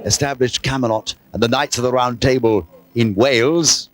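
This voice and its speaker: A man commentating live on a team game show, excitable and playful, breaking into quoted verse. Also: medium pitch, normal speed. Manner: excitable, quoting verse, mock French asides. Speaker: TV sports commentator.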